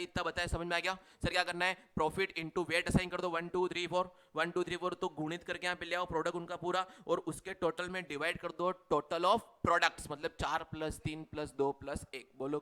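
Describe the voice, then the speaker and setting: A man's voice: fairly high pitch, bright, forceful tone, clear, resonant tone. A man teaching a commerce revision class with an Indian accent, chatty and teasing, mixing Hindi with English terms. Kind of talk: live class revision lecture.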